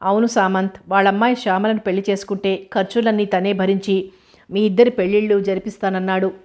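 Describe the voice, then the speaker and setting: A woman reading the lines of a calm, joking elder brother in a storybook. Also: mid-range voice, quick pace, natural voice.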